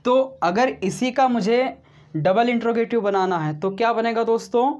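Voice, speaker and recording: A man teaching a video grammar lesson who speaks slowly and deliberately, addresses viewers as friends, repeats each example and keeps adding a "right?" tag. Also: very high-pitched, a little mellow, highs cut off. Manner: slow and deliberate, says he explains step by step.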